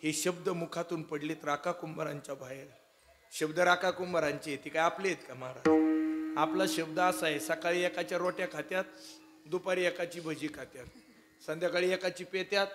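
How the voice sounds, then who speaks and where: A man preaching a devotional kirtan sermon, loud and emphatic, joking and calling out to the audience. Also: fairly high pitch, steady tone, normal speed, a little hiss or hum.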